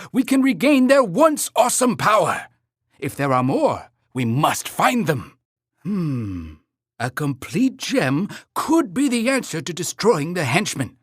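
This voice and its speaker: High-voiced, animated cartoon Mayor Say-So. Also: male voice, a little slow, breathy edge, no echo, clean studio sound, full character voice. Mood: excited, hopeful. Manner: grandiose, theatrical, emphatic announcing. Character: pompous, earnest male cartoon mayor of a creature town. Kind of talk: scripted video game narration.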